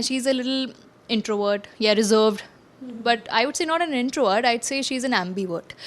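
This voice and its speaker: Young actress guest, slightly high pitch, chatty and rambling with restarts. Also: female voice. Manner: chatty, mixes English into her talk, many restarts. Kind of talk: casual interview chat.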